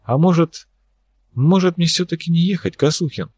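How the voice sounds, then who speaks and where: A man's voice: on the high side, normal speed, a little mellow, slightly rough, dry recording, pitched above the performer's own voice. A man reading an audiobook, voicing a wry, worried young woman scientist in a lightly raised voice with a musing, ironic manner.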